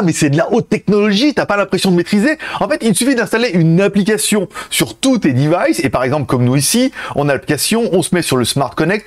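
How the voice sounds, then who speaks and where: Fast-talking animated man reviewer. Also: fairly high pitch. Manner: chatty, addresses viewers directly. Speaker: tech reviewer. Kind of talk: casual tech review.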